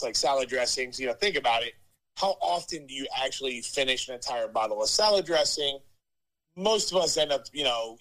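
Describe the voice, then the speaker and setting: A man's voice: mid-range voice, fairly bright tone, poor audio. A man heard through a phone on speaker, patiently explaining business points and often checking in with "right?" and "you know". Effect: heard over a phone on speaker. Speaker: entrepreneur giving advice by phone.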